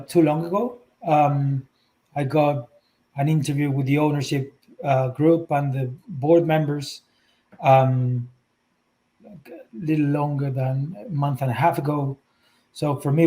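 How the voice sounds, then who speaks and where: Argentine guy on a video call interview, dark mellow voice, pauses a lot. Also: on the high side, low-quality recording. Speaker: guest, rugby club executive. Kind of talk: casual interview talk.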